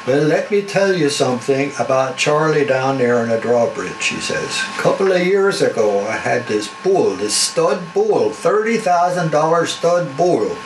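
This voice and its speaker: A man's voice: fairly high pitch, animated, measured pace, hardly any pauses. Man, Dutch German accent, drawling folksy joke teller; roomy, noisy archive recording. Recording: roomy recording with background noise.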